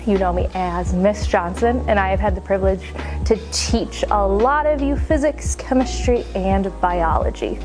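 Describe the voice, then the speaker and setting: A woman teacher talking enthusiastically in an interview. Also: medium pitch.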